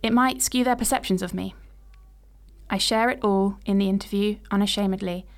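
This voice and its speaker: Here a podcast host, a woman in her late twenties, shares a story from her own life, read aloud in the present tense. Her voice is smooth, clear and mid-pitched, and her telling stays thoughtful and measured.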